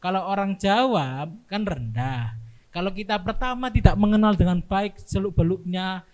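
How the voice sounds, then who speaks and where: Young guy guest, slightly high voice, slow explainer, keeps going "ya kan?". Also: lively intonation, a little mellow. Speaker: guest, dorm security staff. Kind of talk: casual podcast chat.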